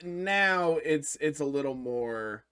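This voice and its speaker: A man's voice: a little high, animated, bright, forceful tone, clean tone. Upbeat man hosting a gaming podcast. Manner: upbeat, quick agreeing interjections. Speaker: podcast host. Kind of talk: casual gaming podcast chat.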